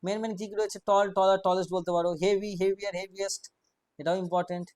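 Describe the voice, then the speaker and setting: High-voiced man teaching grammar, dry sound. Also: flat delivery, darkish tone, dry recording. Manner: quizzes students, reads example sentences slowly. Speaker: English teacher. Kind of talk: classroom grammar lesson.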